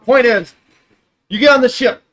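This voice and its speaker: A woman's voice: a little high, normal speed. A woman running a tabletop game as game master, improvising narration and often correcting herself. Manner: hesitant, self-correcting.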